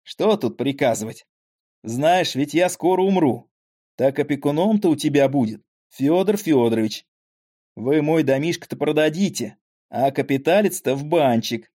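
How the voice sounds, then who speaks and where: A man's voice: fairly high pitch, animated, moderate pace, warm tone. A man voicing a frail, talkative old father with a weak voice and rambling folksy speech, in an audiobook. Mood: weak, tender.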